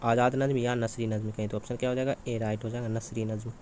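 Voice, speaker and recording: A man's voice: medium pitch, level tone, quick pace, noisy background. A man teaching exam preparation, walking through questions and answers in a repetitive question-and-answer manner. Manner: repetitive, asks and answers his own questions.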